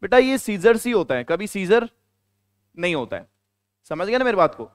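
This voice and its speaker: A high-pitched man from India teaches a grammar class, playful and quick with jokes. His voice is smooth and clear, and the sound is dry, with little room echo. He repeats key words back and quizzes the class as he goes. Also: very animated. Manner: playful, joking asides to students.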